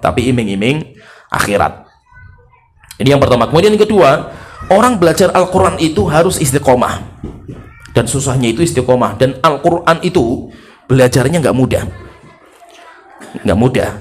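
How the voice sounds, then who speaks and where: A middle-aged man from Indonesia giving a lively religious sermon, repeating key phrases and acting out how letters are pronounced. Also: medium pitch, slight background noise. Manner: animated, repeats key phrases, imitates Arabic sounds. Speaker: Islamic preacher.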